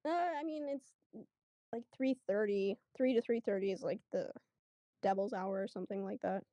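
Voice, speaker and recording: A woman's voice: medium pitch, steady tone, moderate pace, warm tone, dry recording, lo-fi sound. A woman telling a podcast interviewer a personal story in a casual, chatty way, acting out what people said. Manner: chatty, lots of fillers, acts out quotes. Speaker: guest.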